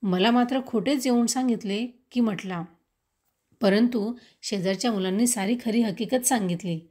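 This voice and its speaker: A woman's voice: a little high, moderate pace, darkish tone, close to an everyday voice. A woman voicing a stern, loving village mother who firmly scolds her son in a read-aloud story.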